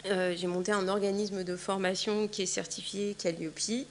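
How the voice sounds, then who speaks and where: A French woman in her forties gives a chatty conference talk in a large hall, full of fillers. Her mid-range voice keeps a level tone at a moderate pace, with slight background noise.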